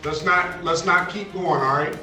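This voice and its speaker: Curt judge on a conference call. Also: male voice, sits high, fairly even intonation, moderate pace, music in the background. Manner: firm, curt, repeats words when cutting in. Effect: heard over a video conference call. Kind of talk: presiding over a virtual court hearing. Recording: echoey, distant conference call audio.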